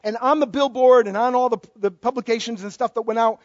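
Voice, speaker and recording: A man's voice: very high voice, fairly even intonation, fast talker, dry recording. A middle-aged male pastor giving a conversational sermon with joking asides. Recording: dull, dry lo-fi recording.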